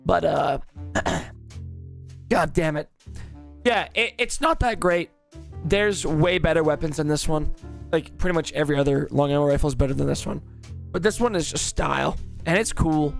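A hoarse man who has lost his voice, giving casual gameplay commentary for his video channel, excitable and prone to swearing when frustrated. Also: a little high. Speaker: gaming video creator.

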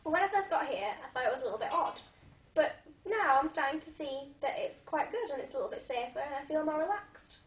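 Mild young female patient played by an actress for spoof news, high quick voice, off mic. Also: animated. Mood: mild, reassured. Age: young adult. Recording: echoey, far from mic.

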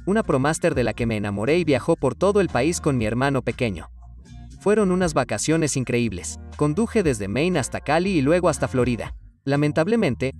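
A young man with a somewhat high voice talks through a home tour, upbeat and enthusiastic. His voice sounds a bit distant from the mic, with soft music playing underneath. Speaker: vlogger giving a tour. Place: inside a converted shuttle bus.

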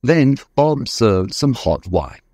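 Expressive male storybook narrator. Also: mid-range voice, slow, no room sound, clean studio sound. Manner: clear, expressive reading. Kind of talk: graded reader narration.

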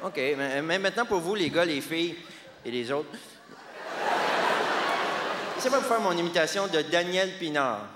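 A man doing stand-up comedy with a Québécois French accent, delivering punchy deadpan one-liners. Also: on the high side, normal speed, pauses often, very noisy. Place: large theatre stage. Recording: long hall reverb, loud audience.

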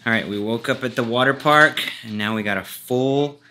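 A man's voice: medium pitch, normal speed, music in the background. A man in his forties, a family vlogger, casually talking through the day's plans to a handheld camera in a resort hallway. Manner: relaxed, explaining plans to camera. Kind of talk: casual vlog narration.

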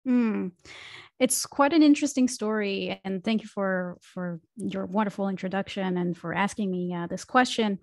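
An Israeli marketing consultant, guesting on a podcast, reflectively tells her career story with fillers and restarts in a casual interview. She speaks into a studio microphone on a video call from a small room at home, at medium pitch and a moderate pace, in a dry recording.

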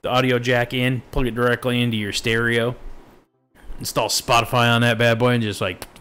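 A man's voice: mid-range voice, little pitch movement, fairly quick, a bit bright, smooth, faint music behind. A man hosting a casual tech live stream, rambling and joking as he goes off on tangents. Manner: laid-back, jokey, self-interrupting. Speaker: show host.

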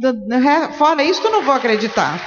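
A woman with a fairly high voice interprets a convention talk consecutively, echoing each phrase just after the speaker and sometimes stumbling to restart. The sound is dull and washed in a long hall reverb. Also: very animated, noisy background. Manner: echoes each phrase quickly, with occasional restarts.

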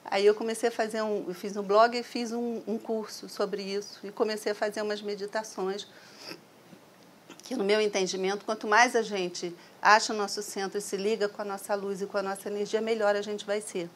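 A woman's voice: mid-range voice, little pitch movement, brisk, a little hiss or hum. A middle-aged woman from Brazil giving a conversational, reflective talk to an audience through a stand microphone in a hall. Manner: conversational, reflective, frequent "né?" tags. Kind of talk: lecture to an audience.

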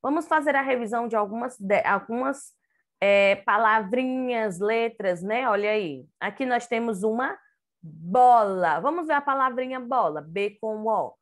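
A woman's voice: a little high, lively intonation, moderate pace, fairly bright tone. A woman teaching an online phonics lesson to young children, with a Brazilian Portuguese accent, sounding out words syllable by syllable. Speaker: kindergarten teacher.

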